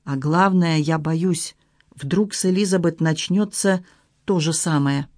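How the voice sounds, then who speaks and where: Reader doing a tearful widow in her late thirties, frightened and pleading, storybook dialogue, mid-pitched, dry close sound. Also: a little slow, a little mellow, dry recording, lightly acted. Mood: fearful. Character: distraught young widowed woman, frightened and ashamed. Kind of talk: audiobook reading.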